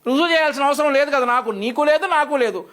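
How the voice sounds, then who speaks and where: A man's voice: extremely high pitch, quick pace, a bit bright. A male news commentator delivering an opinionated, scolding rebuttal with a sarcastic edge.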